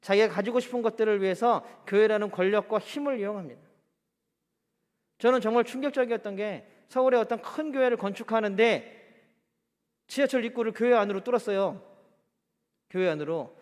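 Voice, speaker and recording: A man preaches a sermon in church with a fairly high voice. He poses rhetorical questions and slips into quoted speech, and the recording carries a long hall reverb. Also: brisk, darkish tone. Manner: acts out quoted speech in a chatty voice. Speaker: pastor.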